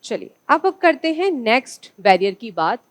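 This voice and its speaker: A woman's voice: on the high side, big pitch swings, moderate pace, no echo. A woman from India teaching an online exam-prep class, asking her students questions and answering them herself.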